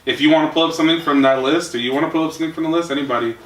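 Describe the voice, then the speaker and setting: Bright-voiced young man hosting a podcast. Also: on the high side, very fast. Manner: laid-back, chuckles, rambling fillers. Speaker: podcast host. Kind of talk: casual chat. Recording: echoey room from far off, faint noise.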